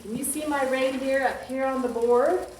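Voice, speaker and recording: Her voice sits high, with fairly even intonation and a moderate pace, as she hosts a children's library storytime. She speaks playfully and sing-song to young children, asking simple questions, reciting poems and singing. Roomy echo and faint noise come through a distant mic.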